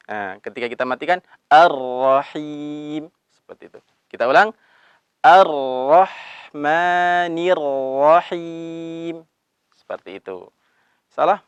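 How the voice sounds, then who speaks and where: A man teaching Quran recitation, explaining letters patiently and drawing out the recited verses slowly. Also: mid-range voice, sing-song, a bit bright, no echo, dull audio. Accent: Indonesian. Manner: slow drawn-out recitation of verses between brisk explanations; calls himself Abi, patient instructive tone. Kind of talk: recitation lesson with chanted examples.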